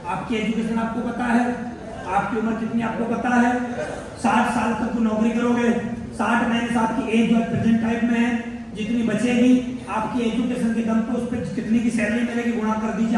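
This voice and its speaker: A man in his thirties giving a motivational business seminar, quizzing the crowd with repeated questions and answers. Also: very high voice. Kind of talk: seminar speech to a live audience. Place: large hall. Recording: echoey hall from far off, faint noise.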